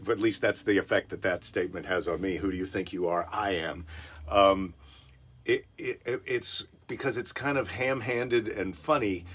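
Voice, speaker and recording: A man's voice: lowish voice, a bit bright, breathy edge. A middle-aged man hosting a daily live stream, telling a rambling story with chuckles and self-corrections. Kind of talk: casual rambling monologue.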